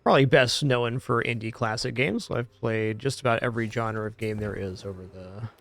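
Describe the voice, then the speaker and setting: Male game streamer, casual, mid-pitched. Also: moderate pace, fairly bright tone. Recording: faint game music behind.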